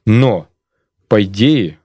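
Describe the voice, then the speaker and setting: A man's voice: lowish voice, expressive, slow, warm tone, no echo, studio quality. A man speaking as a sports coach in a casual radio interview, blunt and informal. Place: radio studio.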